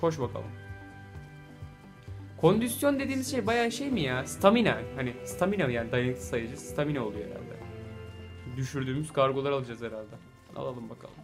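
Brief: male gaming YouTuber, casual and chatty, mid-range voice, soft music behind. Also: medium pitch, fairly quick, pauses often. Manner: chatty, talks to the game, bursts of excited exclamations. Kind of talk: let's play commentary. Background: soft game music.

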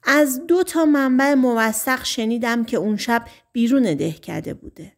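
A woman's voice: a little high, lightly acted. A woman voicing an eager male small-town deputy in an audiobook, dropping her voice to report what he has heard.

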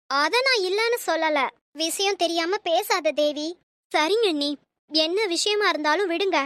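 A woman's voice: very high-pitched, fairly bright tone, no room sound. A woman voicing a nosy, argumentative middle-aged sister-in-law in a cartoon. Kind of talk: cartoon voice acting.

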